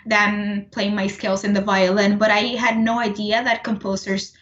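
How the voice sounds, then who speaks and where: Woman, 30s, from Puerto Rico; thoughtful guest voice, middle pitch, roomy and slightly dull. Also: flat delivery, moderate pace, a bit bright. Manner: thoughtful, many restarts and fillers. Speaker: composer, interview guest. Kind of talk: casual interview conversation.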